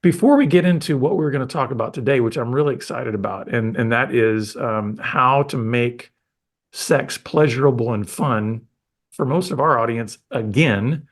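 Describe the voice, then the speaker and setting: A male podcast host with a medium-pitched voice talks with his guest at normal speed in a casual interview. He's enthusiastic and rambling, often restarting his sentences.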